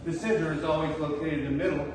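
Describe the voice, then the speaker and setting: A man's voice: a little high, steady tone, fast. A man working as a children's party magician, giving playful live show patter with mock surprise and coaxing the audience to join in. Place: large reverberant indoor hall. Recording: echoey noisy hall, distant mic.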